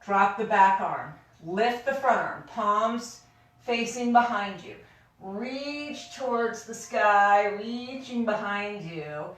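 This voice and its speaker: A woman instructing a yoga class in a careful, unhurried way, gently cueing each step with informal encouragement. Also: mid-range voice. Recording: very echoey room, distant microphone.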